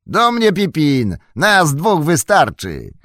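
A man's voice: fairly high pitch, wildly swooping pitch, takes it slowly, dry recording, studio quality, voice pushed up, full character voice. A man voicing a bold, impatient young male hobbit in an audiobook, calling out in a commanding way. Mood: defiant. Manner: commanding, loud calls.

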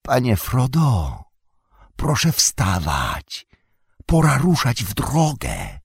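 A man's voice: medium pitch, huge pitch swings, very slow, creaky, husky, no echo, studio quality, voice pushed up, exaggerated voice. A man voicing a loyal, earnest young male hobbit servant who pleads with his master in a raised, eager voice. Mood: gentle coaxing.

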